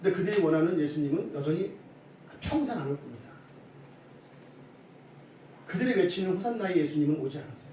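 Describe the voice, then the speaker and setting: A man preaching a Sunday sermon as pastor, lively and often asking the congregation questions. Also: a little high, brisk, long pauses. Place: church sanctuary. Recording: echoey hall from far off, faint hiss.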